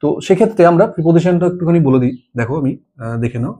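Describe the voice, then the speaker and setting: A man's voice: a little high, lively intonation, fast, dark tone. A man teaching a grammar lesson for an exam-prep class, explaining step by step and often checking with his students if they follow. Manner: explains step by step, asks "ঠিক আছে?" often.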